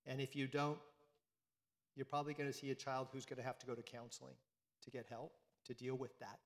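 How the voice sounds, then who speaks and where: A man's voice: mid-range voice, big-room sound. A man giving a conversational sermon to a congregation, often repeating phrases and asking them questions. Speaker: priest. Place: church.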